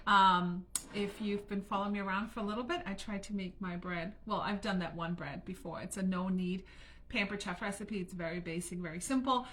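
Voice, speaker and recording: A woman's voice: mid-range voice, brisk, a bit bright, a little hiss or hum. A woman from Germany chatting through a live home baking session in her kitchen, laughing often and talking straight to viewers. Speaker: home cooking livestream host. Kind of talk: casual live cooking chat.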